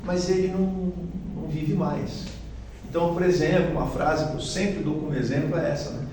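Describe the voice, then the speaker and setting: A man's voice: on the high side, normal speed. A man with a Brazilian Portuguese accent giving a chatty, explanatory lecture with slides, often checking in with his audience. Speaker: guest lecturer. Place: large hall at a spiritist center. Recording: very echoey hall, voice far from the mic, faint noise.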